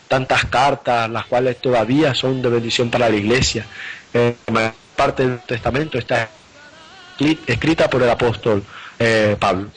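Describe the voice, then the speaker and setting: A man's voice: medium pitch, a bit bright, rough recording. A man preaching a live sermon, earnestly retelling scripture and often repeating and restarting his phrases.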